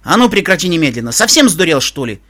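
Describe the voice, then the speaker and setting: A man's voice: a little high, very animated, unhurried, fairly bright tone, husky, full character voice. A man voicing a stern, suspicious human soldier who speaks curtly. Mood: angry.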